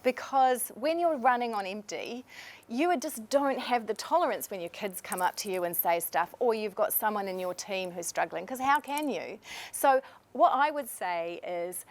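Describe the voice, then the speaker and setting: A woman with a voice of middle pitch makes an earnest, persuasive case to leaders in a webinar. Her delivery is heartfelt and at times emotional. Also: animated, normal speed. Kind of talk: motivational webinar talk.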